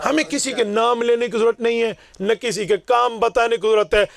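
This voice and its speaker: Male preacher, high voice, fiery declaiming delivery, dry close sound. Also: steady tone, vocal fry, dry recording. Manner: forceful, declaiming, acts out dialogues. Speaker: Islamic preacher. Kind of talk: fiery sermon to a gathering.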